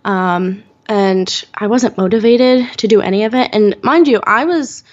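An eighteen-year-old woman telling her own story as a guest in an interview, earnest and pausing often with "um". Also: mid-range voice, darkish tone, muffled recording. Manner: earnest, many "um" pauses. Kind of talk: podcast interview, personal story.

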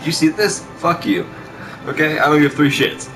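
This vlog host, a teen or young adult man, has a slightly high, expressive voice at normal speed. He chats casually in a small bedroom, telling school stories with brash swearing and repetition, while a distant camera mic picks up loud music too.

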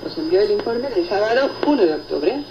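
The host is a woman with a mid-range voice and lively intonation who speaks a little fast, reading out listener reports and replying in a conversational style. Her program arrives via noisy shortwave, echoey and muffled, with strong static.

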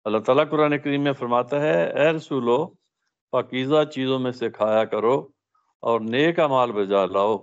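A middle-aged man at a religious study session, reading a prepared talk aloud in a measured, recited way with the odd slip. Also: medium pitch, lo-fi sound.

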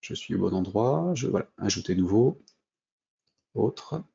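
A French man with a low, gravelly, dark voice walks through a coding tutorial, thinking aloud with frequent hesitations and restarts. The audio is dull and lo-fi, with mouse clicks behind him. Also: expressive, unhurried. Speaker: programming instructor. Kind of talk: screen-recorded coding tutorial.

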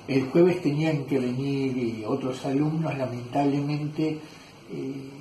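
An Argentine leatherwork teacher chats casually in his echoey workshop, rambling, correcting himself, and using lots of fillers. His mid-range voice is slow and dark, with an Argentine Spanish accent and slight background noise.

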